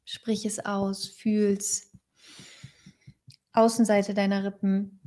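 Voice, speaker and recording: A woman guiding a tapping meditation, giving calm, repetitive prompts for the listener to repeat and sometimes dropping to a soft whisper. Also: mid-range voice, slow pace. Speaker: tapping session guide.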